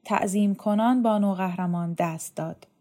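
A woman reading a novel aloud in a calm, measured way. Her voice sits at a middle pitch, steady and unhurried. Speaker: audiobook narrator. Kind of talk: scripted narration.

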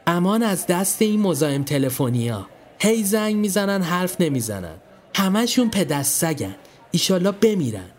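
A man voicing a bratty young boy who whines and taunts in a shrill voice. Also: sing-song. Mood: taunting. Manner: shrill, tearful whining.

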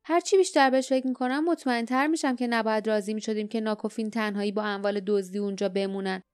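A woman voicing a rough, quarrelsome male pirate who growls as he argues. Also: on the high side, darkish tone, dry recording, studio quality, lightly acted. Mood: angry.

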